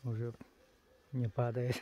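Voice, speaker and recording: A man's voice: medium pitch, monotone, slow pace, warm tone, highs cut off. A man narrating casually outdoors on a snowy sledding hill, like a father filming his children. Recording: noisy outdoor home video.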